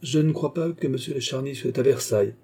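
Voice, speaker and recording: Male reader as a pained, stiff officer, husky and dark. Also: mid-range voice, fairly quick, pitched above the performer's own voice, lightly acted. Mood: reluctant. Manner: stiff, reluctant. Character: upright young officer, man, stiff and pained. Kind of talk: audiobook character voice.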